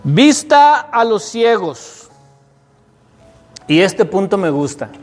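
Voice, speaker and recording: High-voiced preacher in a hall. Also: male voice, very animated, takes it slowly, faint music behind. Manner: storytelling preacher, rising to emphatic peaks, asks the congregation questions. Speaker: pastor. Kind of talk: sermon.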